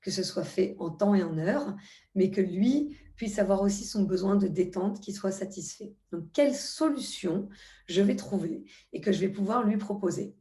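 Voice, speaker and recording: Calm French-speaking woman guiding a tutorial. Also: medium pitch, normal speed, roomy sound. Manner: calm, guiding, with frequent hesitations. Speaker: EFT practitioner. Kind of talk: spoken tutorial.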